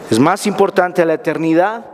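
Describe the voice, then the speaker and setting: Man, pastor, emphatic sermon, repeated questions, high voice, reverberant church hall. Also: moderate pace, a little hiss or hum.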